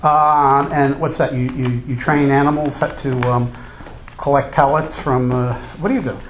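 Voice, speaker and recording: Here the male college teacher jokes around during a casual lecture, ribbing his class in a mid-range voice that stays steady at normal speed. The highs are cut off, and the room is echoey with noise in the background.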